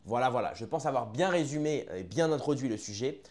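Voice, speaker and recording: A man of middle pitch talks casually through a reaction video, chatty and familiar with his viewers. He often restarts his sentences as he works through his thoughts. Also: lively intonation, brisk, a little mellow. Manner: chatty, addresses viewers as friends, hesitant with restarts. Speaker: online commentator.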